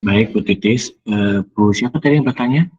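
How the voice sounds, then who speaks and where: Guy hosting a webinar q&a, lowish husky voice, kinda muffled call sound. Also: normal speed, a little mellow. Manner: polite, calls on speakers by name. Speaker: webinar moderator. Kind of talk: moderating online Q&A. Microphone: video call. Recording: dull lo-fi online call audio.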